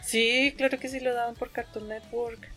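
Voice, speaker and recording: A woman's voice: fairly high pitch, little pitch movement, normal speed, a bit bright. Woman, Colombian accent, cute bubbly anime-fan host, playful, giggly, casual chat, music in the background. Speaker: podcast host.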